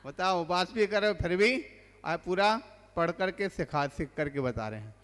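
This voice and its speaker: A man's voice: high-pitched, lively intonation, normal speed, fairly bright tone. A man, a monk teaching a religious class, asks the listeners questions and then recites the lists himself. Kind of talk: quizzing religious lesson. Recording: long hall reverb.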